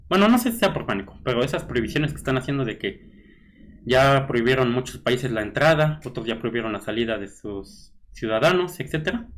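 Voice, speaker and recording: A man with a Mexican Spanish accent giving casual blog commentary, reading news snippets aloud and musing with frequent fillers and tag questions. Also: medium pitch. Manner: conversational, musing with fillers like "este" and "¿no?". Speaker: blogger host.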